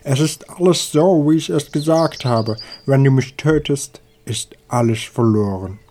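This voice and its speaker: A man's voice: measured pace, warm tone, a little hiss or hum, natural voice. A man voicing a frightened male hawk, pleading for his life in a storybook reading. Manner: pleading, pitched up high.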